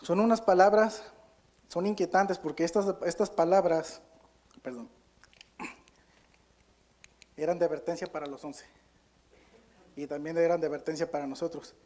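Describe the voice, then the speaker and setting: Earnest pastor with a high voice. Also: male voice, fairly even intonation, darkish tone. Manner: earnest, halting delivery with self-corrections; reads scripture aloud with stress on key words. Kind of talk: Spanish-language sermon with Bible reading.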